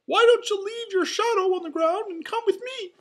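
A woman's voice: very high-pitched, moderate pace, voice pushed up. A woman voicing a cheerful male cartoon mouse with bubbly, exclaiming delivery while reading a storybook. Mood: cheerful, encouraging.

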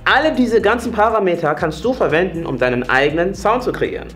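A man's voice: sits high, expressive, brisk, fairly bright tone, soft background music. A man in his late twenties, a singing coach, giving an upbeat, chatty YouTube singing tutorial and demonstrating different voice types as he goes. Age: late 20s.

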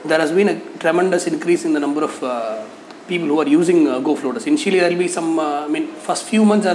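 Man, 30s, cafe owner, hesitant with fillers, slightly high voice, lapel mic, echoey cafe. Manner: hesitant, many fillers and restarts, gestures while talking. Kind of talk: candid interview feedback. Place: cafe with painted mural wall, indoors. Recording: echoey cafe room with faint noise.

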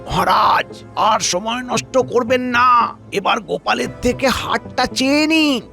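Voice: medium pitch, animated, a little slow, creaky, pushed and bright, full character voice. A voice actor playing a scheming, fawning royal minister who whines and tattles in a cartoon. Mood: tattling. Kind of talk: cartoon voice acting. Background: background music.

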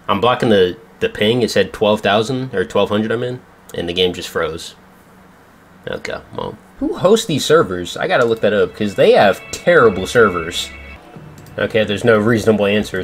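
A young man with a fairly low voice comments casually on his own gaming matches. His talk is slangy, sarcastic and full of profanity. Faint music plays behind him. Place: indoors at a gaming setup in a dim room. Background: game music.

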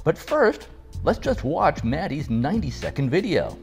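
Lively-pitched older man explaining calmly. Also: creaky, soft background music. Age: 60s. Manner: animated, measured explanation with wry asides. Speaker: father responding to a video. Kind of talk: scripted video response. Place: home room, seated in leather armchair.

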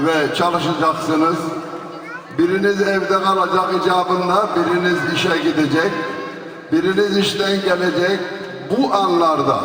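Male wedding officiant, earnest and deliberate, higher voice, far from the mic in a reverberant hall. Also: fairly bright tone. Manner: earnest, deliberate, short phrases. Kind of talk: wedding speech with advice to the couple. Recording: echoey hall, distant mic, noisy background.

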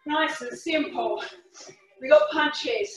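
A woman leading a workout class as a fitness instructor, calling short, energetic, encouraging cues and counts. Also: sits high, slow pace. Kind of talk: live workout class coaching. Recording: echoey room, far from the mic.

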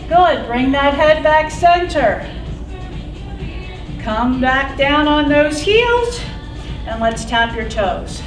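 Casting: female aerobics instructor, high voice, slow deliberate cues, encouraging, middle-aged. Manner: upbeat, encouraging, counts down repetitions out loud. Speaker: fitness instructor. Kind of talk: aerobics instructor cueing a class. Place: indoor exercise studio with wooden floor. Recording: roomy, distant mic, loud background music. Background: workout music.

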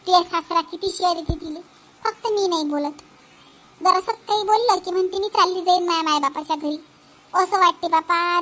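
A woman's voice: very high-pitched, sharp tone. A woman voicing a weary old mother-in-law who explains herself with resignation.

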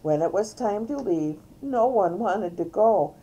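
An older woman, a great-grandmother, reading a storybook aloud to small children in a gentle, coaxing way at home. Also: mid-range voice, expressive, unhurried, slightly rough, highs cut off. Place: at home, filmed by a family member.

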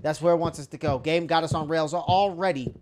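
A man's voice: on the high side, fairly even intonation, fairly quick, background noise. A young man casually commentating a horror game for viewers, slangy and easily startled. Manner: slangy, jumpy, talks to viewers. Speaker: gaming YouTuber. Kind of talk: horror let's play commentary.

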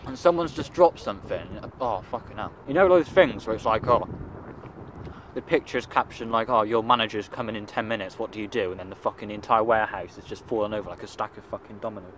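A man's voice: on the low side, fast talker, fairly bright tone. Sweary young English man vlogging outdoors. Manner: crude, rambling, sweary commentary. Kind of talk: casual swearing vlog. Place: outdoors by an urban road. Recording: outdoor phone recording with traffic noise.

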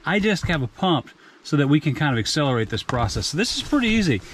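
A man's voice: a little high, sing-song, fast talker, a bit bright, a little hiss or hum. A man in his fifties hosting a casual outdoor vlog, reviewing camping gear in a plainspoken, chatty way with frequent restarts. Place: outdoors in a forest campsite and inside a rooftop tent.

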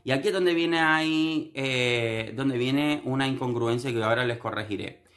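Young Canarian man, sarcastic reality-TV gossip commentator, average pitch, theatrical delivery. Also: moderate pace, fairly bright tone. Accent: Canarian Spanish. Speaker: TV commentary vlogger.

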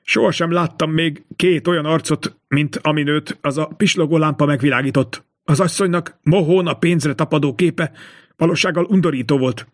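Guy reading an old novel, fairly high voice, steady storytelling. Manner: measured, expressive storytelling. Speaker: audiobook reader. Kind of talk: literary audiobook narration.

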